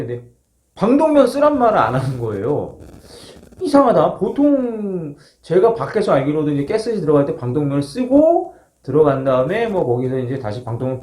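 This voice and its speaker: A man casually telling a first-person story as a former marine, acting out moments with polite formal sentence endings. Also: on the high side. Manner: animated, acts out shouts, polite formal endings. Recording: roomy, echoing sound.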